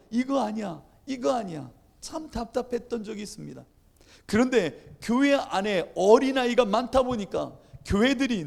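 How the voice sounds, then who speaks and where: A man's voice: high-pitched, creaky. A male pastor preaching a sermon in a conversational way, acting out quoted dialogue.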